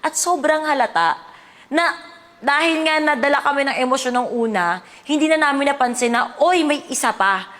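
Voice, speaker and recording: A woman vlogger earnestly recounting an incident in a casual storytelling way, dropping her voice low when she quotes herself. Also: normal speed, fairly bright tone, big-room sound.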